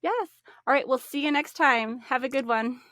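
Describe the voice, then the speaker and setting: A woman's voice: high voice, normal speed, a bit bright. A woman hosting a podcast, asking questions and answering with short backchannels. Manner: friendly questions, brief backchannels. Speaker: podcast host. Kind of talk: casual interview chat.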